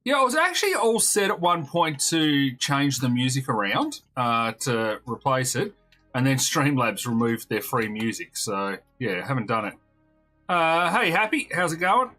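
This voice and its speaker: A man with a hoarse, fading voice, chatting casually on a game live stream and greeting viewers as he plays. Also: mid-range voice, very animated, moderate pace, sharp tone, soft background music. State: hoarse, losing his voice.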